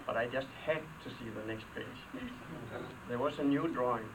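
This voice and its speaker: A man's voice: mid-range voice, moderate pace. An older man from Denmark with a Danish accent gives a humorous luncheon speech, telling stories in a dry, wry way with comic asides. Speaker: after-dinner speaker. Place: hall with a live audience. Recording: distant mic, clear background noise.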